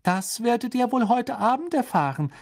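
A man voicing a warm, motherly middle-aged witch in a high, lilting voice. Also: very animated, normal speed, no room sound, studio quality, full character voice. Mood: fond.

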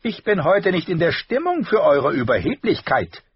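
Man reading a cutting, clever lord with a raised, lively voice, storybook reading. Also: a little high, moderate pace, slightly rough, no echo, highs cut off, voice pushed up, heavily acted. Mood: mocking stern. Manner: cutting, scolding. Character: sardonic clever male noble, sharp-tongued uncle.

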